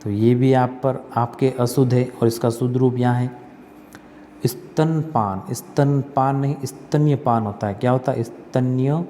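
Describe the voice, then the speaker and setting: A man teaching an exam-prep spelling lesson, asking and answering his own questions and repeating words slowly. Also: medium pitch, fairly even intonation, mellow, long reverb tail, slight background noise.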